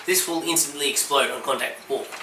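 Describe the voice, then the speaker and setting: Talking fast at a medium pitch, this podcast co-host swaps dry jokes full of ums on a laid-back comedy show as he gets over a virus. He's picked up by a distant mic in an echoey room with faint hiss.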